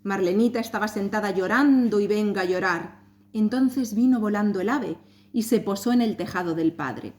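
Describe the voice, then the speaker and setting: A woman reading a folk tale aloud, expressive and rhythmic, with playful sound words. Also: medium pitch, normal speed. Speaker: storyteller at a talk.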